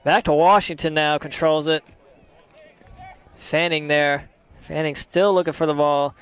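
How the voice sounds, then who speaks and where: A young man calling a live college soccer match play by play, steady between plays and rising sharply on chances. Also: on the high side, measured pace, smooth. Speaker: play-by-play commentator.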